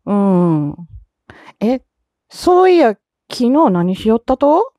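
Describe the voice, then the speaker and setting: A woman's voice: on the high side, sing-song, slow pace, mellow, no room sound, clean studio sound. A woman acting out one side of a phone call as a young, affectionate woman with a put-on Fukuoka dialect, coaxing and teasing her partner. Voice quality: sweet, playfully coaxing.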